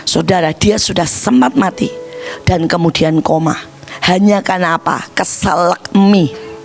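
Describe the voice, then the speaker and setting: An older woman evangelist preaching a sermon, impassioned, breaking into shouts and addressing the congregation again and again. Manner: high-pitched exclamations with wide swings.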